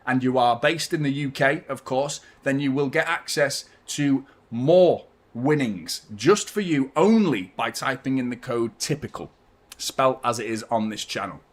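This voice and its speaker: A young man hosting a fan watchalong stream, rambling chattily and giving shout-outs to viewers. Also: mid-range voice. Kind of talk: live stream chat with viewers.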